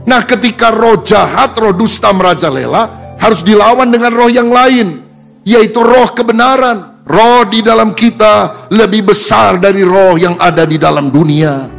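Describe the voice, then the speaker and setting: A man, a pastor preaching a sermon in a lively way, putting on voices for the people in his stories. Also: sits high, a little slow, gravelly, faint music behind. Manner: animated, acts out quotes in changing tones.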